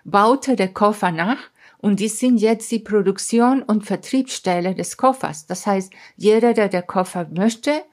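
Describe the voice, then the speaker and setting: A woman's voice: medium pitch, a little slow, darkish tone. Earnest woman explaining a science project. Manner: earnest, explanatory, with emphatic asides like "ja?"; non-native grammar slips in German. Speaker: astrophysicist and science educator, podcast guest. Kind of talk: explaining in an interview.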